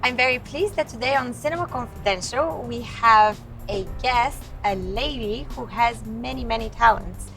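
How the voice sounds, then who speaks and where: A woman's voice: fairly high pitch, normal speed, few pauses, fairly bright tone, distant mic, faint music behind. A woman hosting an interview, asking questions enthusiastically. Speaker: interview host.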